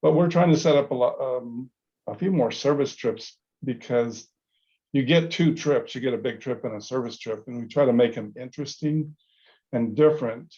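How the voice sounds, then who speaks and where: A middle-aged man who leads service trips, talking casually in a class discussion and pausing often with fillers and restarts. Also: mid-range voice, mellow. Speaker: service trip leader. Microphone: video call. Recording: dull lo-fi video call.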